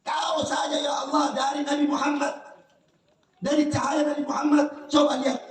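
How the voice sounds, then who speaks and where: High-voiced preacher in an echoey hall. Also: male voice, normal speed, recorded from a distance. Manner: rhetorical questioning, addresses the audience directly; animated, shifts between shouting and soft storytelling. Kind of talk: sermon.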